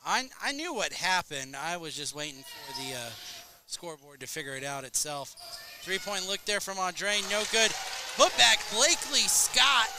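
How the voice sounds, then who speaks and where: A man with a fairly high voice calls a high school basketball game play by play, moving between brisk action calls and dry, joking asides. The broadcast picks up plenty of gym noise and bouncing balls behind him. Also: lively intonation. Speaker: play-by-play announcer. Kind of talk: play-by-play commentary. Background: gym crowd and bouncing balls.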